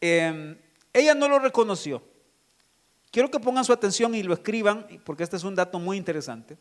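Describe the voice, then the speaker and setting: High-voiced man preaching a sermon. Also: animated, moderate pace. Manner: preaching with rhetorical questions to the congregation. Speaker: pastor.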